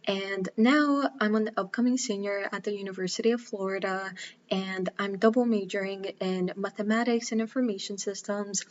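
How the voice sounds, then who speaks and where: A young woman from Bulgaria talks to the camera about her work as a math tutor. She speaks in an earnest, casual way, often pausing on "um", with a mid-range voice. The sound is a little dull and lo-fi. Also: medium pitch. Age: 20s. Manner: earnest, with frequent um fillers. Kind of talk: casual self-introduction to camera.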